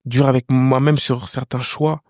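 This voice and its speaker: A young man with a gravelly edge to his voice, talking loosely and full of slang as he thinks aloud. He restarts and repeats words, and the close, dry studio sound puts him right at the mic. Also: mid-range voice, level tone, unhurried, darkish tone, no echo. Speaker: singer and guest. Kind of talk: casual interview chat.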